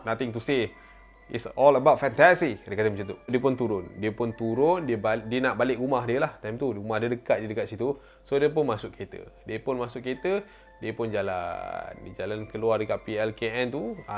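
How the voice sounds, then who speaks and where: A man with a Malaysian Malay accent casually telling a ghost story, chatty, repeating phrases and mixing in English words. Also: mid-range voice. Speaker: storyteller, channel host.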